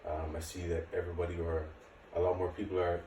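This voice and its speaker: Speaking fast with little pitch movement, this late-30s man has a deep, dark voice as he casually coaches a workout to camera. He teaches martial arts and fitness, and the recording comes from a distant mic in an echoey room with faint noise.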